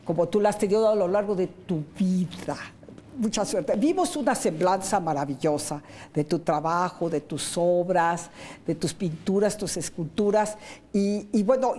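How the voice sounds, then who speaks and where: A woman's voice: mid-range voice, lively intonation, normal speed, warm tone. A middle-aged woman with a Mexican Spanish accent hosting a TV interview, chatty and leading the guest with questions. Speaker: TV host.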